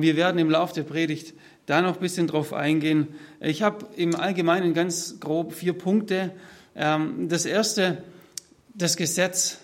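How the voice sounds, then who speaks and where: A man from Swabia in southern Germany preaches a sermon to a congregation, speaking freely from notes. His voice sits on the high side, and he explains things step by step in a structured way, addressing listeners directly.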